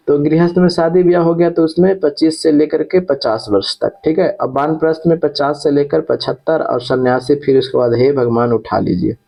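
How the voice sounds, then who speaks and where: A man's voice: on the high side, creaky, dull audio. A man teaching an exam-prep lesson who repeats key terms and checks in with his students after each point.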